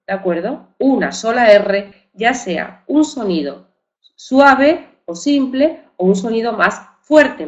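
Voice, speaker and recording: A woman teaching a phonetics lesson, speaking slowly and deliberately, checking in often with her listeners and demonstrating sounds with exaggerated rolled consonants. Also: on the high side. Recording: dull lo-fi recording.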